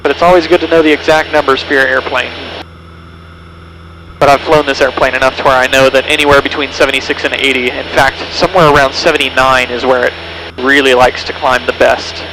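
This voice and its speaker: In a flat, brisk, mid-range voice, a man demonstrates pattern work like a pilot on the radio, giving step-by-step commentary from a small plane's cockpit over a headset. Engine drone and radio noise run through the noisy headset recording.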